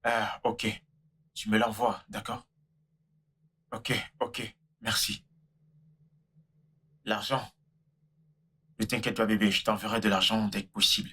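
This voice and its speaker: An actor playing a smooth-talking man who juggles lovers for money, coaxing and pleading. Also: fairly low pitch, level tone, slow, pauses often, sharp tone, exaggerated voice. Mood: sweet-talking. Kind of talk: dubbed film drama.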